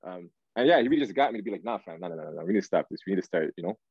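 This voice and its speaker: Very fast and animated, with a low voice and a breathy edge, a Toronto-raised Canadian R&B singer chats casually as an interview guest, slangy and repeatedly checking he's followed. He's in an indoor room on a dull, lo-fi video call, with no room sound.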